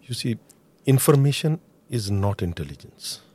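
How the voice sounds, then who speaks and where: A man's voice: mid-range voice, expressive, moderate pace, darkish tone, slightly rough. A middle-aged man with an Indian accent explains intelligence matters as a guest expert, mixing Hindi and English as he goes. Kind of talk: explanatory interview analysis.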